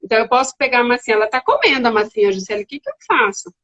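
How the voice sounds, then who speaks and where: Brief: middle-aged Brazilian psychiatrist woman, animated, lively explainer, slightly high voice. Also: rapid-fire, dull audio. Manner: animated, acts out children's voices. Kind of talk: casual educational chat.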